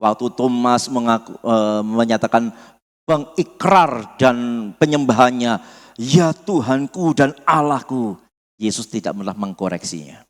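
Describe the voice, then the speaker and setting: Male preacher, mid-pitched voice, rhetorical questions, loud then near-muttered, long hall reverb. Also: unhurried. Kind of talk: teaching sermon. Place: church hall.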